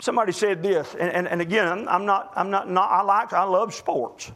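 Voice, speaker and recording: A man preaching a sermon as pastor, emphatic, swinging between loud urgent pleading and low quiet asides. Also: fairly even intonation, fairly quick.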